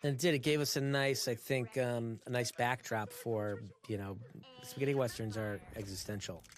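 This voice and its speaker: A man, a director, talking through his choices in a DVD commentary, measured and thinking aloud. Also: mid-range voice, steady tone. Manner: measured, thinking aloud with many "you know"s.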